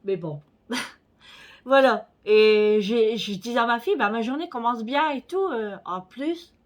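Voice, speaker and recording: A woman's voice: a little high, a little slow. A woman in her forties, chatting casually on her vlog, rambling with many fillers and a slightly stuffy nose. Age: 40s. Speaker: vlogger. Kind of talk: casual chat.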